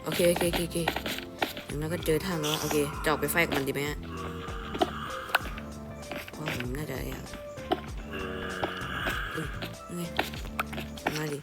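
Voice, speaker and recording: Excitable man chattering over loud music. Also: a little high, moderate pace, pauses often. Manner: excitable, mutters repeated words, swears when startled. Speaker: gameplay streamer. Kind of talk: casual gameplay commentary. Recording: loud background music under voice. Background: loud game music.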